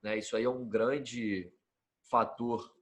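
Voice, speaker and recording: A man's voice: medium pitch, takes it slowly. Young Brazilian man telling a story. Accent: Brazilian Portuguese. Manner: relaxed, slangy, frequent tag questions. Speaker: podcast guest telling his story. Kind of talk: casual storytelling.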